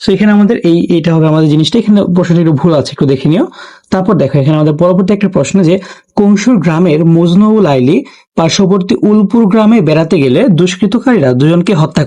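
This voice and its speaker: Young male tutor, high-ish voice and brisk pace, talks straight to students, solves questions step by step, drops in English words. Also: mellow. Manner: explains step by step, addresses students directly. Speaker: teacher. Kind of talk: exam question solving lesson.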